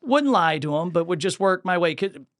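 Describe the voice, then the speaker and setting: A man's voice: sits high, normal speed, no room sound, clean studio sound. A man hosting a podcast, telling stories in casual conversation and acting out the people he quotes. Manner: animated, acts out the voices of people in his stories. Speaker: podcast host.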